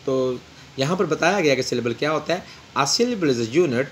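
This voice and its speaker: A man teaching an English textbook lesson, reading English slowly and explaining in Urdu with frequent pauses. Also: a little high, animated, a little hiss or hum.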